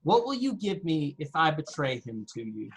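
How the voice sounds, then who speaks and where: A reader doing Judas, husky and lively. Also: medium pitch, moderate pace, low-quality recording. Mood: sly. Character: Judas, scheming male betrayer. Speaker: youth reader. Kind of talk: scripted church reading.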